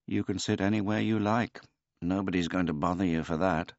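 A man voicing a weary, laconic elderly male tomcat who speaks in a dry, unhurried, noncommittal way. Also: sits low, fairly even intonation, creaky, dry recording, highs cut off, voice pushed up.

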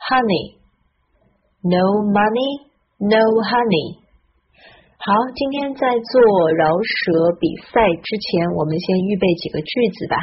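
A woman teaches English pronunciation in a slow, deliberate voice with a slightly husky edge. She spells words out letter by letter and enunciates each sound with care. The recording sounds somewhat dull and lo-fi. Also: medium pitch. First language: Chinese. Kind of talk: scripted lesson narration.

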